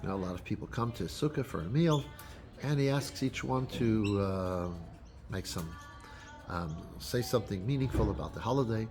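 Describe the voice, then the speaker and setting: A man with a fairly low voice gives an unscripted holiday talk as a rabbi. He stops and restarts often. Faint music plays underneath. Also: animated. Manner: unscripted, halting, with many restarts.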